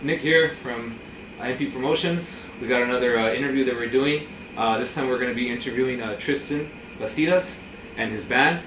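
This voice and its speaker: A man's voice: mid-range voice, fairly quick. Upbeat guy hosting an interview, sounds far off in an echoey room with an ac hum. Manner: upbeat, many "awesome" and "praise God" replies. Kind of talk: casual interview chat. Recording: echoey room, mic at a distance, background hum.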